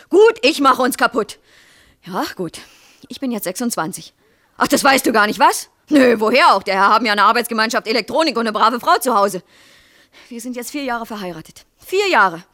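An actress in her twenties playing a frustrated young wife and teacher in a 1970s radio play, sharp and sarcastic. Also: on the high side. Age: 20s.

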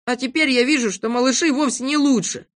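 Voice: high-pitched, a little fast, a bit bright, voice pushed up. Neznaika, a sulky little boy, as a reader puts him on. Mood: earnest. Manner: gruff, sullen. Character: sulky little boy, boastful but remorseful.

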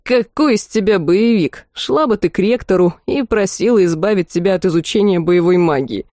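A woman's voice: mid-range voice, moderate pace, mellow, no echo, studio quality, natural voice. A woman reading a jeering redheaded student lad. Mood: mocking. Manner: jeering, scornful. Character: young male redheaded student, mocking bully.

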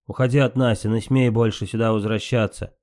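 A man's voice: fairly low pitch, steady tone, brisk, darkish tone, close to an everyday voice. A man playing a stern old king of gods. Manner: stern, commanding. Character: stern elderly male ruler of the gods, wise.

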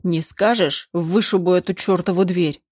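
A woman voicing a drunk, frenzied young man who shouts and threatens, demanding money. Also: on the low side, steady tone, normal speed, husky, no echo, clean studio sound. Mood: furious. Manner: shouting, menacing.

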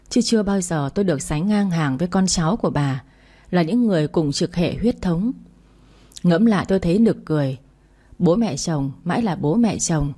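A woman reads a first-person family story in a calm, steady voice. Her tone is low and mellow, and she voices the people in the story as she goes.

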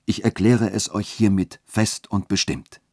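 A man reading a story aloud and voicing a proud young widow who speaks calmly, coldly and firmly. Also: fairly low pitch, unhurried, dry recording, studio quality, voice pushed up. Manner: calm, cold and firm. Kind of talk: literary reading.

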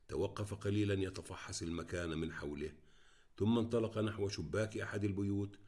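Deep-voiced man reading an audiobook. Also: darkish tone. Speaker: audiobook narrator. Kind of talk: scripted narration.

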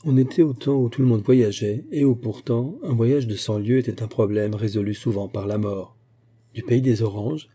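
Dark, husky male audiobook narrator. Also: mid-range voice. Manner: measured literary reading. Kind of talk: scripted narration.

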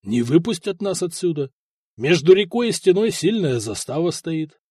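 A man voicing a weary, blunt soldier who speaks low and fatalistic, in a storybook reading. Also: very animated, moderate pace, mellow, breathy edge, no room sound, clean studio sound. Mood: gloomy. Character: weary grim male soldier, blunt and gloomy.

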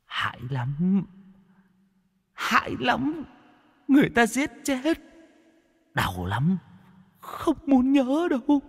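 A man voicing a wailing ghost that possesses a man, vicious one moment and pitiful the next, in a high, shrieking voice. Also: huge pitch swings, moderate pace, creaky, long pauses, bright, forceful tone, husky, in a large hall, full character voice. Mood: whimpering pleas.

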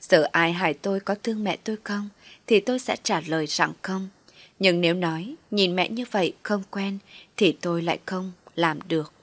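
A woman narrating a first-person story in a steady, reflective way. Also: fairly low pitch, moderate pace, no room sound.

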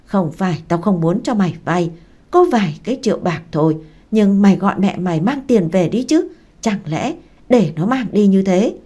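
Woman doing a gruff scolding older boss lady. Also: fairly low pitch, expressive, normal speed. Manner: loud scolding, rough and blunt.

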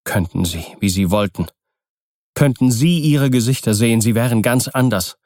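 A man's voice: medium pitch, moderate pace, darkish tone, no room sound, clean studio sound, lightly acted. A man voicing Markheim, a frightened and desperate male murderer who talks in agitated exclamations.

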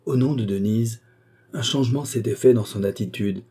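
A man reading a novel aloud as an audiobook narrator, measured and deliberate. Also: mid-range voice, warm tone, husky. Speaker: audiobook reader.

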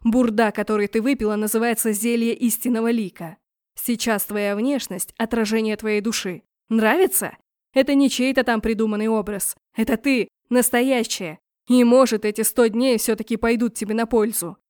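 A woman's voice: fairly high pitch, fairly even intonation, normal speed, darkish tone, no room sound, studio quality, natural voice. A woman voicing a weary young male prince who speaks in short, clipped phrases, in a storybook reading. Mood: cold.

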